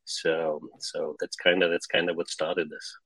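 A man's voice: low voice, flat delivery, unhurried, fairly bright tone, slightly rough, no room sound, poor audio. A middle-aged man who grew up in Germany, not a native English speaker, chatting casually as an interview guest, often repeating words as he rambles along. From born in Czech Republic, grew up in Germany. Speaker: guest, spirits brand founder.

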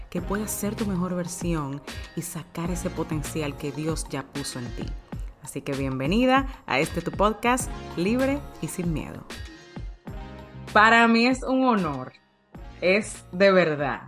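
A middle-aged woman hosting a faith-based podcast as an eating coach, talking in an emphatic, heartfelt way. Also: on the low side.

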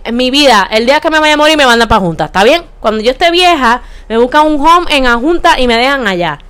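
A young woman with a Puerto Rican accent delivers a heated, profane monologue. She speaks in a slightly high voice and drops English words into her talk. Her manner is blunt and fired-up. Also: expressive, fast, fairly bright tone, clear, resonant tone. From Puerto Rico. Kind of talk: casual ranting monologue.

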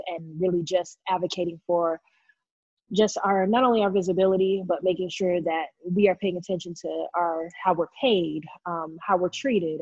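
A woman in her thirties from New York City, a guest in an interview, talking loudly and passionately about herself. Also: lowish voice, slightly rough, no echo, muffled recording. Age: 30s. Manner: loud, outspoken, passionate. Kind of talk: casual interview talk.

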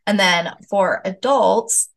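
A woman's voice: mid-range voice, slow pace, creaky. A woman in her thirties hosting a parenting show, reflective and affirming as she chats and paraphrases back what she hears. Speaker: parenting podcast host and mother. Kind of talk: casual conversational interview.

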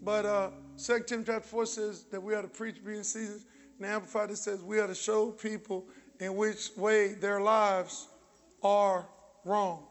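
Man, preacher, very high-pitched voice, exhorting call-and-response sermon, shouts and jokes, church. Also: little pitch movement, moderate pace. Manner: exhorting, shouting at the congregation, joking. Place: church sanctuary.

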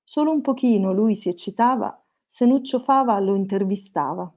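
A woman recites satirical rhyming verse with a mellow, warm tone. Her delivery has a sing-song lilt that bounces from one rhyme to the next. She carries each comic tale at a steady, middle pitch. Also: moderate pace.

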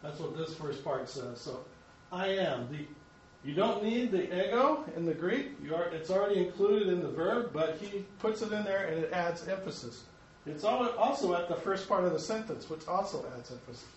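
High-voiced American man teaching Bible class. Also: expressive, normal speed, muffled recording, slight background noise. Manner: explanatory, self-correcting, chuckles at himself. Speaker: Sunday school teacher. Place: church classroom. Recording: echoey room, mic at a distance.

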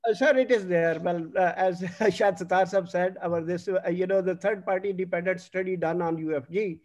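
A man with a Pakistani accent giving extempore panel remarks as an official, halting and often repeating himself. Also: high voice, fairly even intonation, a little mellow.

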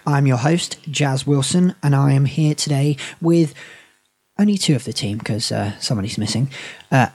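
A man's voice: mid-range voice, normal speed, darkish tone, breathy edge, no echo. A man hosting a podcast in a casual, chatty way. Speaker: podcast host.

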